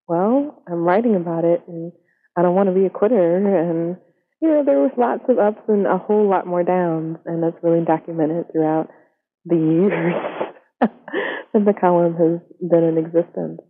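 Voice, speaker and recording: A young woman speaks as an interview guest with her voice electronically disguised to sound deeper. She is candid and reflective, sprinkling in "you know" as she goes. The sound is narrow and phone-like. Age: young adult. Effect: voice disguised electronically, pitched down. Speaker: interview guest, science career columnist. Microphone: telephone. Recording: band-limited telephone line.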